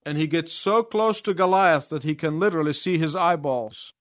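A man preaching a sermon in short phrases, pausing so an interpreter can translate each one. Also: on the high side, dry recording, studio quality.

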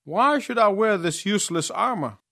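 A man's voice: high-pitched, lively intonation, creaky, bright, forceful tone, no room sound. Male preacher, phrase-by-phrase storytelling sermon, light voice, close dry sound. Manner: storytelling, pausing in short phrases for the interpreter. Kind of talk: sermon with live interpretation.

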